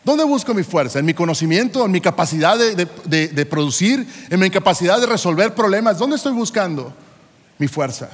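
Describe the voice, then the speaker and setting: Man in his forties, sermon, emphatic rhetorical questions, high pitch, reverberant church hall. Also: animated, brisk. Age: 40s. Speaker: pastor.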